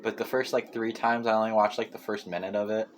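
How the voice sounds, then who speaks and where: Teen male guest, deadpan and blunt, a bit low-pitched, faint room hum behind him. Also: fast. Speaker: podcast guest. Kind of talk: casual chat.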